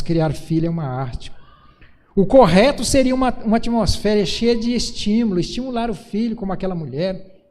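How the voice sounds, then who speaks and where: A male pastor with a Brazilian Portuguese accent preaches earnestly, stumbling over restarts. His voice sits high yet sounds mellow and warm. The church hall around him rings with a long reverb. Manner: earnest preaching with many restarts and acted quotes of parents. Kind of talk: sermon. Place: church sanctuary.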